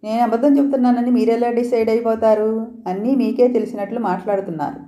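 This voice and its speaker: A woman's voice: a little high, steady tone, quick pace, dark tone, roomy sound, close to an everyday voice. A woman voicing a shy, stubborn young female assistant who answers politely but with defiance. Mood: defiant.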